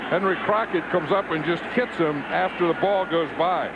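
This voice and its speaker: Loud stadium din surrounds a high-pitched male football analyst at a live event. He breaks down plays in a conversational, emphatic way, doubling back on phrases as he explains. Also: normal speed, lo-fi sound. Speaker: TV football color commentator. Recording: loud stadium noise behind. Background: loud crowd and stadium din.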